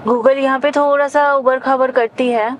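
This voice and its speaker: A chatty woman in her thirties hosts a casual travel vlog from the seat of a car. Her voice sits a little high, and faint road noise hums under it. She keeps pointing out sights along the way. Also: fairly even intonation, moderate pace, rough recording. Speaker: travel vlogger. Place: inside a car on a mountain road.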